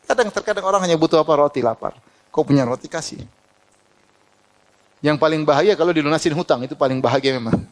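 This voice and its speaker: A man's voice: on the high side, fast, long pauses. A middle-aged man preaching a sermon, telling personal anecdotes, quoting Arabic and laughing often. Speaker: Islamic preacher.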